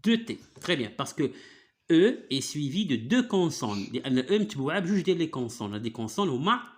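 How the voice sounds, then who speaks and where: A man's voice: fairly high pitch, big pitch swings, moderate pace. A man teaching French one-on-one, patiently spelling out sounds and often checking "d'accord?". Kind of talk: one-on-one reading lesson.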